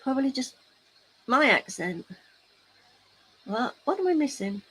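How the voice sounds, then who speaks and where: This crafting livestream host has a high, sing-song, somewhat bright voice and speaks a little slowly, over a rough recording with some hiss or hum. As she works, she chats casually, reads messages from chat and throws in teasing, playful remarks.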